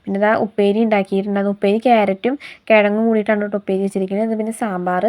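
A woman's voice: mid-range voice, flat delivery, racing, darkish tone. A woman vlogger with a slight head cold, chatting in a homely way and explaining each step as she narrates her morning cooking routine. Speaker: vlogger and homemaker. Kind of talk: casual day-in-my-life narration while cooking.

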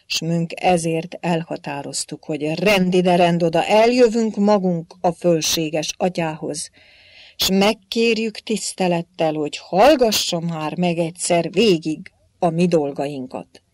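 A woman reading as a defiant, blustering old Hungarian warrior-king saint, speaking loudly in archaic phrases. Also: fairly low pitch, dry recording, studio quality, natural voice. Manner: loud, blustering, archaic speech.

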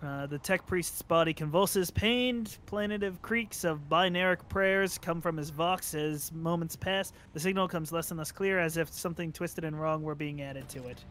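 Male game master, fairly high voice, reads scene text between casual asides. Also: moderate pace, hardly any pauses, fairly bright tone, a little hiss or hum. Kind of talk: narrating a tabletop game.

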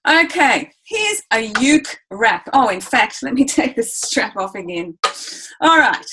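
Speaking slowly with big swings in pitch, this Australian woman has a high-leaning voice that sounds pushed, bright, and husky, captured on a rough recording. She's a music educator running a ukulele webinar, enthusiastic and chatty, addressing everyone as "guys" while playing examples on the ukulele.

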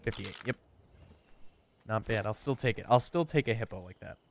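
A man casually commenting on his own gameplay, chatty and excitable, talking to his viewers and to the animals in the game. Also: on the low side, moderate pace, slight background noise. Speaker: gameplay streamer.

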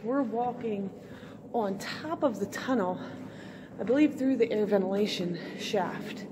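A woman's voice: medium pitch, unhurried, crowd noise. A woman vlogger narrating casually while exploring an abandoned tunnel, talking straight to viewers. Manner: chatty, addresses viewers directly. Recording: echoey tunnel, noisy camera audio.

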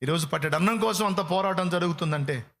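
A man's voice: high-pitched, fast, fairly bright tone. A male pastor preaching a fervent sermon in speech, repeating phrases and building to rising calls.

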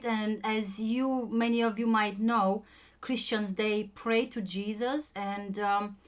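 A woman's voice: a little high, fairly bright tone. A young woman with a Romanian accent, a native Romanian speaker telling her own story in a casual chat, hesitant and full of ums and restarts.

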